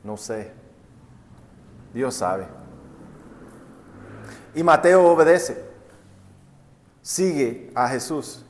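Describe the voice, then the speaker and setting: A pastor delivers his sermon in a voice pitched a little above most men's. He tells stories, asks his listeners rhetorical questions, and calls out to them as brothers and sisters. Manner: storytelling with rhetorical questions to the congregation.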